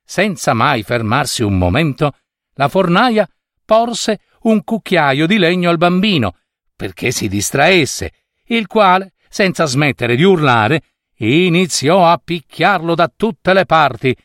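A man reading a fairy tale aloud in an expressive, playful way. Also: on the high side, takes it slowly, no echo, clean studio sound. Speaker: storyteller.

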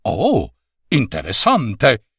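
A man playing a middle-aged professor, talking in a measured, lightly ironic way. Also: medium pitch, wildly swooping pitch, creaky, a bit bright, breathy edge, no room sound, clean studio sound, pitched below the performer's own voice, exaggerated voice. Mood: wry. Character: middle-aged male professor, mild and wry.

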